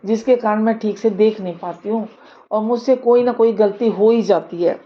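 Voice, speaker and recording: Lady doing a sweet old saas, quiet and sorry-sounding, dull recording. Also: medium pitch, steady tone, normal speed, lightly acted. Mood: meek apologetic. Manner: soft, apologetic, near tearful. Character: gentle elderly mother-in-law with poor eyesight, meek.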